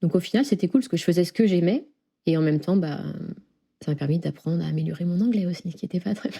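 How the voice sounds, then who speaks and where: A woman's voice: lowish voice, fast talker, gravelly, mellow, slightly rough. A young woman from near Lyon, chatting as an interview guest, with many fillers and frequent laughs. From France. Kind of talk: casual interview chat.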